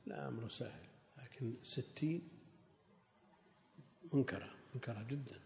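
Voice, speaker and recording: Man teacher with a mellow voice. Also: mid-range voice, moderate pace, creaky. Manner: brief, corrective remarks. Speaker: sheikh teaching the lesson. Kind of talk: scholarly lesson commentary. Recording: long hall reverb.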